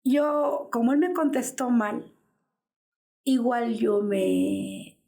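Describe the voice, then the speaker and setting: Gravelly-voiced Mexican woman telling an anguished story. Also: on the high side, drawn-out words, mellow. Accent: Mexican Spanish. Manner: anguished storytelling that acts out the dialogue. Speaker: interviewee, mother of a missing man. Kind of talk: personal testimony in an interview.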